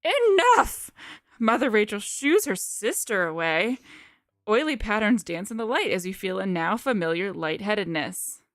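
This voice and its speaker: A woman's voice: medium pitch, animated, moderate pace, dry recording, clean studio sound. A woman playing a tabletop game on a live stream, moving between casual chat and dramatic narration. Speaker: live stream player reading the game script aloud.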